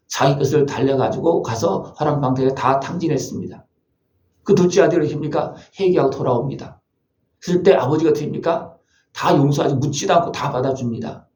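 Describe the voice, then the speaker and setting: A man's voice: medium pitch, mellow, echoey room. A male pastor preaching a sermon, asking his congregation one rhetorical question after another. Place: church sanctuary.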